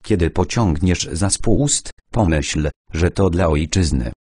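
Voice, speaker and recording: A man's voice: low-pitched, slow pace, darkish tone, breathy edge, no room sound, clean studio sound, heavily acted. A man voicing a stern, commanding army colonel in an audiobook, giving curt orders.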